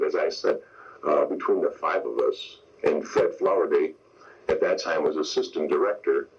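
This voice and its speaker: Husky and deep, this older interview guest looks back on his years as a radio sound effects man, explaining things one step at a time in a slightly mellow tone. It was captured during a radio interview on dull, lo-fi broadcast tape.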